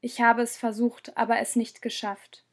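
Brief: guilt-ridden girl, pleading; female narrator, slightly high voice. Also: flat delivery, normal speed, natural voice. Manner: pleading, apologetic. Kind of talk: audiobook character voice.

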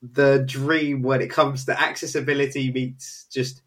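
A man's voice: medium pitch, little pitch movement, a little slow, fairly bright tone. A young man hosting a casual podcast interview, his voice nasal and congested from a cold. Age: young adult. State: has a head cold. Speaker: podcast host.

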